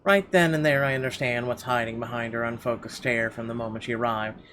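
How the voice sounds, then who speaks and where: Reading visual novel narration aloud, this male host speaks briskly in a mid-range voice with fairly even intonation and a sharp tone. Only game ambience disturbs the clean background.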